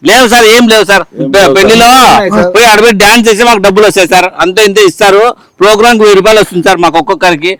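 A man's voice: sits high, steady tone, racing, a bit bright, dry recording. A man in a comedy sketch, pleading and explaining in a rush.

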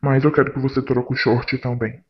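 A man's voice: mid-range voice, flat delivery, brisk, breathy edge, highs cut off. A man hosting a casual prank vlog, talking in a playful, theatrical way. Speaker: prank vlogger.

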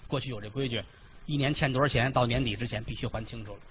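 A man's voice: medium pitch, fast, background noise. A man doing solo comic storytelling, chatty and digressive with vivid detail.

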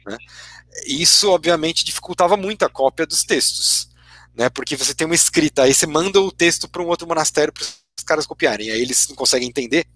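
A man's voice: on the high side, lively intonation, quick pace, pushed and bright, dry recording. A man with a Brazilian Portuguese accent, a guest lecturer giving a teacherly explanation, tagging his sentences with constant "né" questions. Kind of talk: explanatory academic talk.

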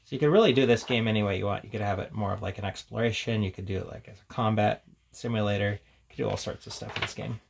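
Background noise sits under a man's lowish, gravelly voice as he moves at a quick clip. He's reviewing books hands-on, chatting loosely about whatever is in front of him in a relaxed show-and-tell style.

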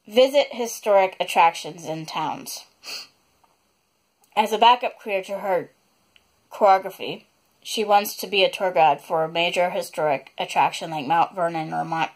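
A woman reading a chapter of her own novel aloud, unedited, stopping now and then to apologize for slips and add asides. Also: on the low side.

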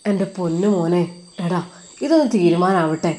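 A woman's voice: on the low side, expressive, dark tone, lightly acted. A woman voicing a worried young male friend who scolds and coaxes. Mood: worried coaxing. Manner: scolding, coaxing, brisk.

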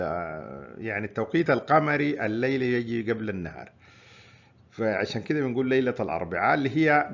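Man, Sudanese Arabic accent, informal lecture, conversational, mid pitch, dull lo-fi sound. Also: a bit bright. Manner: conversational, explains and repeats points.

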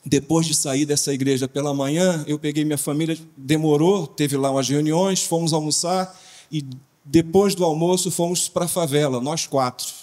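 A Brazilian man, a pastor speaking on a conference panel, telling a story in a lively, informal way with slang. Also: a little high. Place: conference hall. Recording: long hall reverb.

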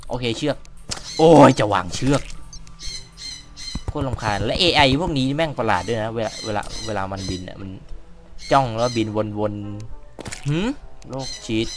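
A young man commentating on his own gameplay, excitable, cursing at enemies and chatting to viewers. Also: medium pitch. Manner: excitable, swearing, talks to himself and the viewers. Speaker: gaming YouTuber. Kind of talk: let's play commentary.

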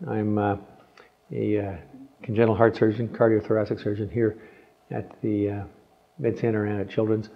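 A man's voice: on the low side, little pitch movement, moderate pace, creaky, pauses often, muffled recording. A man in his sixties from Canada, a heart surgeon, speaking hesitantly with many fillers in an interview recorded with a lapel mic in a clinic exam room. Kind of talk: profile interview.

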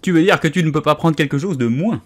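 A man's voice: on the high side, quick pace, pitched above the performer's own voice, close to an everyday voice. A man voicing a smug, rude male hatter in a storybook, bossy and fond of quibbles.

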